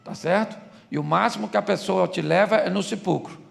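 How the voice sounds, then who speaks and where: A man's voice: high voice, a little fast, creaky. A man preaching a humorous sermon as a pastor, in Brazilian Portuguese, joking and asking the crowd questions.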